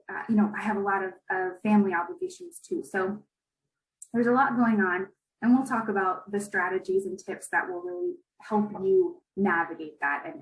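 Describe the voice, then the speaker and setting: A woman's voice: mid-range voice, reverberant, rough recording. A young woman in her twenties giving an online presentation, chatty and informal, often adding "right?". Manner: conversational, with many fillers and "right?" tags. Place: video call.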